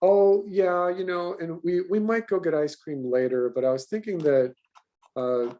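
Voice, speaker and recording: A man's voice: high voice, steady tone, measured pace, mellow, pitched above the performer's own voice. A man voicing a chatty woman on the phone, talking in a sing-song, falsely casual way. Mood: breezy. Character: chatty woman on phone teasing her dog.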